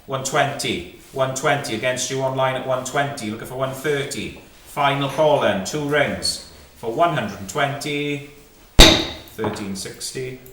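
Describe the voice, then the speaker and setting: In an echoey indoor saleroom, caught on a distant mic with faint noise, a medium-pitched man speaks a little slowly. He's a fine art auctioneer calling lots and bids live, with clipped, repeated numbers, short prompting questions, rapid chanted bids and lot descriptions.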